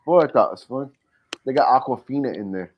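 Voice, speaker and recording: A laid-back podcast co-host, a man with a mid-pitched voice that moves a lot. His talk is easy and teasing. The sound is a little dull and lo-fi. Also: lively intonation, a little fast. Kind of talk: casual chat.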